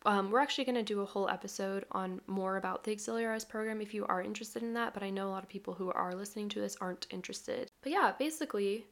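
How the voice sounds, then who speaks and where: A chatty young woman from the States co-hosts a laid-back podcast, rambling a little and breaking into laughs. Her voice sits at an ordinary middle pitch for a woman. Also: fast talker, few pauses. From United States. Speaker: podcast co-host. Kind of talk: casual chat.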